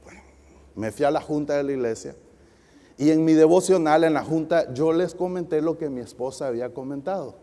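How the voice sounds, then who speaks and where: A male guest pastor preaching a sermon, lively and asking the audience questions. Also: on the high side, brisk. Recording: long hall reverb.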